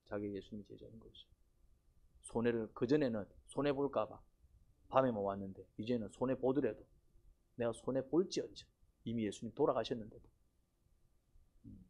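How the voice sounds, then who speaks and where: A man's voice: mid-range voice, a little mellow, highs cut off. A pastor delivers a Sunday sermon in church. He fires rhetorical questions at the congregation, repeats key phrases, and uses blunt, folksy wording with sudden emphatic rises.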